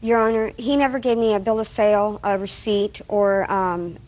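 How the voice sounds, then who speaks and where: A woman's voice: mid-range voice, fairly even intonation, normal speed, a little mellow. A woman of about thirty-one answering questions as a litigant in a TV court. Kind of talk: courtroom testimony.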